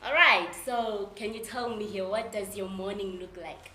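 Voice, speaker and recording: A woman's voice: mid-range voice, normal speed, pushed and bright. A young woman with a South African accent, asking questions as the host of a casual interview show. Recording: echoey room with faint background noise.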